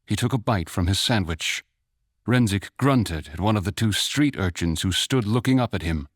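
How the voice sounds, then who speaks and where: A man narrating a fantasy short story in a measured, even storytelling manner. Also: fairly low pitch, dry recording, studio quality. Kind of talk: scripted audiobook narration.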